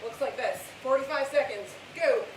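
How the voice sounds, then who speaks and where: A woman with a fairly high voice leads a workout, exerting herself as she gives cues and motivating countdowns. She is some way from the mic in a very echoey room, with clear hiss over the recording. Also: moderate pace, far from the mic. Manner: exerting herself while talking through the exercises. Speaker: fitness instructor leading a home workout class. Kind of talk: live workout coaching.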